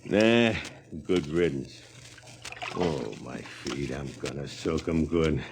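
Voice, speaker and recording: A man's voice: a bass voice, lively intonation, slow, heavily acted. An actor playing a crude, callous American spaceman in 1950s radio drama style, slangy and scornful. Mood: griping. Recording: noisy old 1950s radio recording.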